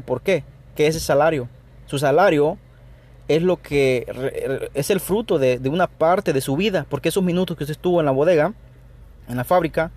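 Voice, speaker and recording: This Salvadoran podcast host, alone at the mic, has a fairly high yet darkish voice and a Salvadoran Spanish accent. His off-the-cuff monologue is sincere and full of opinions, punctuated by frequent false starts and "ok" check-ins.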